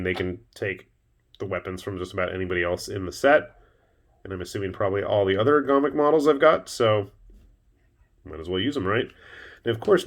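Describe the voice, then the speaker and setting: Chatty man, low voice. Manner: chatty, wry asides. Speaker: miniature painting channel host. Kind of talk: casual show-and-tell.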